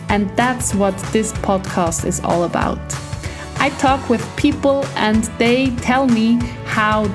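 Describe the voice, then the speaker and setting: A woman hosting a podcast roundtable, upbeat and encouraging as she introduces her guests. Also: a little high. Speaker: podcast host. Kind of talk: hosting a casual video roundtable.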